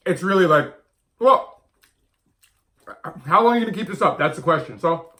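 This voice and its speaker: A man in his thirties, a vlogger and diet coach, talks casually to the camera in a high-pitched, sharp, animated voice at a moderate pace. He's blunt and emphatic and keeps repeating his points.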